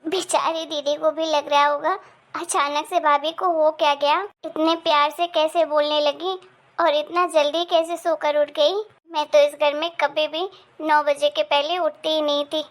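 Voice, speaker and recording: A woman voicing a young daughter-in-law in an animated family story, eagerly polite and sweet. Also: high voice, measured pace.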